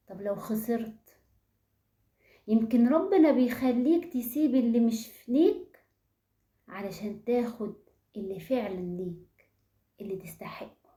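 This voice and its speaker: A woman with an Egyptian accent gives a motivational talk in a mellow, fairly high voice. She speaks straight to her audience and keeps asking them rhetorical questions. The room adds a clear echo. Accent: Egyptian Arabic. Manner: asks the listeners rhetorical questions; addresses the audience directly. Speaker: self-awareness speaker. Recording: roomy echo.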